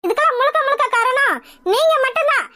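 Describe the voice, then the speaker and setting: A woman's voice: very high-pitched, a little fast, a bit bright, no room sound, studio quality. A woman voicing a bratty, scheming young sister-in-law in a cartoon, snippy and complaining. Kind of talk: Tamil cartoon voice acting.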